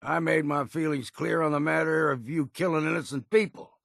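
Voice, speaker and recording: Old Longfellow, gravelly old seafarer. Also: male voice, a little high, fairly even intonation, normal speed, a bit bright, dry recording, clean studio sound. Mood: indignant, stern. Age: older. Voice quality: gravelly, raspy. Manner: plain-spoken, folksy, curmudgeonly. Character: gruff, stubborn old seafarer, weary but loyal. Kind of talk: video game character dialogue.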